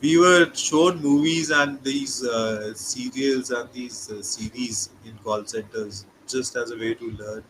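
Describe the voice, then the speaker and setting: A man's voice: medium pitch, measured pace, few pauses, a bit bright, slight background noise, rough recording. A man from India with an Indian English accent, hosting a casual interview and often saying "okay" and repeating words. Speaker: host.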